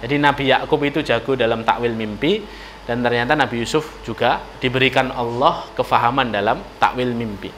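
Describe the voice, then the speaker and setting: A man with a Javanese accent giving a lively storytelling sermon in a mosque, often turning to address the ladies in the audience. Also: medium pitch, fairly quick, slight background noise. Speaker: preacher. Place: mosque hall.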